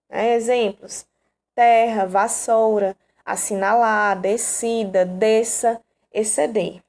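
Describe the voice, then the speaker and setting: Brazilian woman teacher, higher voice, patient step-by-step explainer, frequent check-ins. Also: darkish tone. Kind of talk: online grammar lesson.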